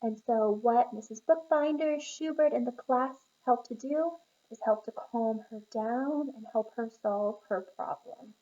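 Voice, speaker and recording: A woman teacher reading a picture book aloud to young children, encouraging and pausing to ask them questions. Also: on the high side, mellow, lo-fi sound.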